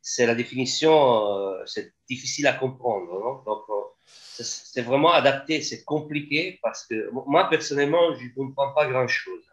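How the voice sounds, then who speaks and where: A man who works as a sound engineer, chatting as a guest over a video call in a halting way, with many fillers. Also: mid-range voice, rough recording.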